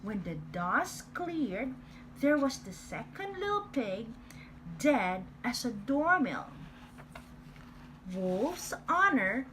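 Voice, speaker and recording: A woman's voice: on the high side, big pitch swings, slow pace, a bit bright, slight background noise, heavily acted, poor audio. A woman voicing a sly male wolf who tells his own side of a storybook tale in a playful, exaggerated way. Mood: self-justifying. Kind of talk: storybook reading.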